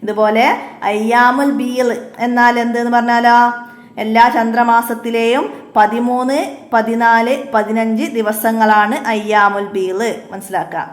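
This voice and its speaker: A woman teaching an exam revision lesson, asking each question and repeating every answer slowly, her voice dropping low on short reminders. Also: level tone. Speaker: madrasa teacher. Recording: echoey room.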